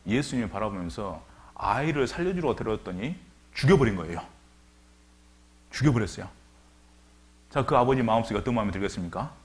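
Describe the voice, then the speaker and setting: A man's voice: fairly low pitch, expressive, brisk, long pauses. A man preaching a sermon as pastor, retelling scripture dramatically and asking the congregation rhetorical questions.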